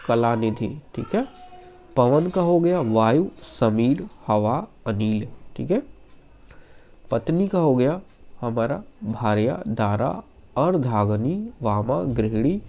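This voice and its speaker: A man teaching an online Hindi exam-prep lesson, slightly hoarse from being unwell, reeling off lists of words and reassuring his students. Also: medium pitch, mellow. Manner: rattles off word lists, reassuring asides to students.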